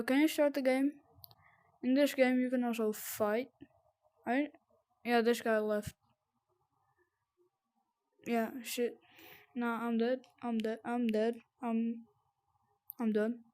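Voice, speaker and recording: A gamer giving casual, sweary VR gameplay commentary in a halting, rambling way that repeats words, with audible heavy breathing. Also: mid-range voice, fairly even intonation, darkish tone. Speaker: gamer presenting a VR game tutorial.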